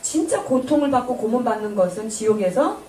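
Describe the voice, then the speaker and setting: A woman interprets a sermon for a congregation, her delivery polished and explanatory. Her voice sits a little high. It comes from a distance in an echoey church hall, with faint noise behind it. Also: expressive, brisk, darkish tone. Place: church sanctuary.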